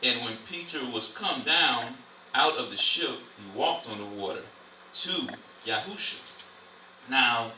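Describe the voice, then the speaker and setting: A man leading an informal Bible study, preaching in a lively, conversational way. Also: a little high. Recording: roomy, distant, faint noise.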